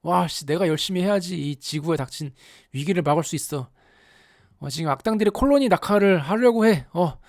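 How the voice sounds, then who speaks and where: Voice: medium pitch, lively intonation, fairly quick, darkish tone, dry recording, clean studio sound, close to an everyday voice. A commentator voicing an earnest young male mecha pilot who blurts out his thoughts in an exclamatory inner monologue. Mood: determined.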